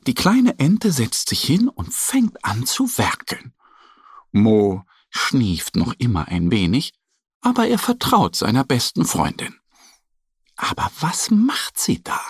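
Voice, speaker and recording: Slow, very expressive male storyteller. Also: mid-range voice, breathy edge, no echo, clean studio sound. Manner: very expressive, sing-song storytelling. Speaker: narrator. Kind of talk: children's story narration.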